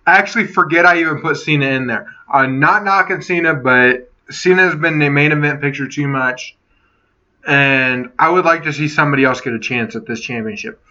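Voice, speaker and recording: A man's voice: on the high side, moderate pace, pushed and bright, dull audio. A man talking in a casual opinion vlog, rambling, swearing freely and correcting himself as he goes. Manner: rambling, profane, self-correcting. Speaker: wrestling and gaming vlogger.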